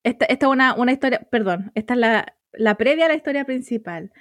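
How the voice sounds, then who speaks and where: Lively Chilean woman telling a story. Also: a little high, dry recording, clean studio sound. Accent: Chilean Spanish. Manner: animated storyteller, quick slangy asides and laughter. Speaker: podcast co-host. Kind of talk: casual chat among friends.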